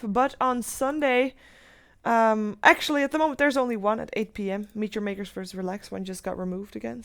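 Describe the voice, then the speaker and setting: A woman co-casting an esports match, relaxed and a little hesitant, with casual fillers. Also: fairly high pitch, clean tone. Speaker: esports commentator.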